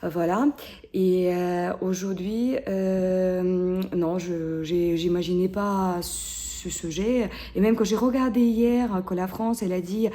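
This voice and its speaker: In her thirties and speaking with a Ukrainian accent, a woman answers interview questions haltingly, full of fillers and restarts. Her voice is lowish and dark, and her tone stays steady.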